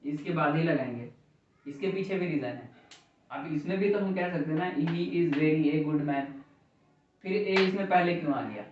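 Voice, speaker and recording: Speaking a little fast in a slightly high, expressive voice, a man teaches English grammar, asking the class questions and saying their answers back. There's slight background noise, and the distant classroom audio is echoey and dull.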